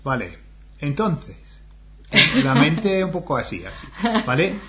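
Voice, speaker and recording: Relaxed joking man co-hosting a lesson. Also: fairly high pitch, normal speed, music in the background. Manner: relaxed, jokey, frequent agreement sounds. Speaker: co-host and learner. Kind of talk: casual language lesson.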